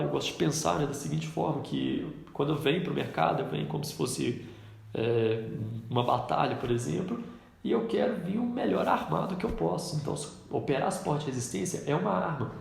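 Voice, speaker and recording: Congested with a cold, a trading instructor gives a casual screen-recorded trading lesson, pointing out features on a chart as he goes. His voice is on the high side yet gravelly and darkish, with heavy reverb and slight background noise.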